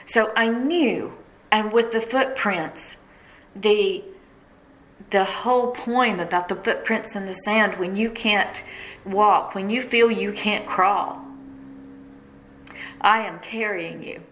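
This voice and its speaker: Middle-aged woman tearing up, telling her story to listeners, voice at a normal pitch. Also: slow pace, pauses often, a bit bright, low-quality recording. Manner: emotional, tearful storytelling. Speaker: radio host and speaker. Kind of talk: personal testimony to listeners.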